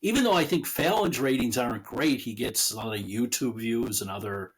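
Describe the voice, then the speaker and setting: A man with a husky, slightly breathy voice, speaking as a guest author in a relaxed conversational interview. He is chatty, laughs easily, and often trails off and restarts his thoughts mid-sentence. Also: mid-range voice, fairly quick.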